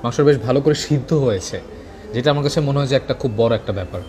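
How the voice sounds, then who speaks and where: A man's voice: medium pitch, racing, a little mellow. A man, chewing while talking as he reviews food in a casual vlog. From Bangladesh. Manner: rambling, mixes in English phrases. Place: busy restaurant, indoors. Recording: crowd chatter behind. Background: restaurant crowd chatter.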